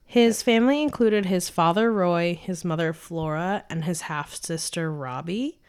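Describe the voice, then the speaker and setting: A young woman from New York state hosting a casual true-crime podcast, chatty and quick to laugh as she tells the story. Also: fairly low pitch, clear, resonant tone. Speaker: podcast host narrating the case.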